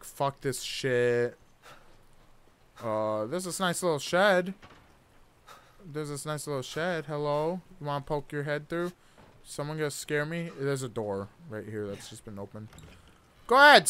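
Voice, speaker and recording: A man in his twenties streams a horror game in a smooth, fairly high voice. He reacts nervously and covers it with jokes and casual swearing. He talks close to a desktop mic, as live commentary. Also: fairly bright tone. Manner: nervous, jokey reactions to scares; casual, profane. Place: indoor gaming room. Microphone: close desktop microphone.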